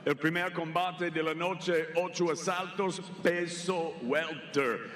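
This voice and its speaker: A man's voice: on the high side, steady tone, a little slow, a bit bright, a little hiss or hum. A man working as a ring announcer in a theatrical lucha libre manner, formally drawing out names over an arena PA. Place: large indoor arena. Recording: echoey arena PA with long reverb. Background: hall reverb.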